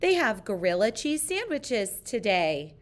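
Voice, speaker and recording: Reading a children's storybook, a woman voices a silly, cheerful lady schoolteacher who announces things in a bright, playful sing-song. Her mid-range voice swings widely in pitch and moves a little slowly.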